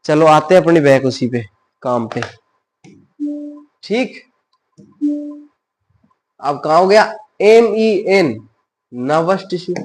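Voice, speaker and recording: A man teaching a biology lesson, who asks his class questions, answers them himself in a softer voice and mixes in English science terms. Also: high voice.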